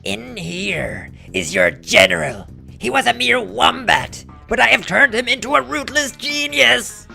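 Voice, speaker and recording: Woman playing a hammy, gravelly mad scientist. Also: on the high side, very animated, unhurried, pushed and bright, soft background music, full character voice. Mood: grandiose, commanding. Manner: hammy, grandiose stage-villain delivery. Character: maniacal male mad scientist bent on world conquest. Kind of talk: dramatic script reading.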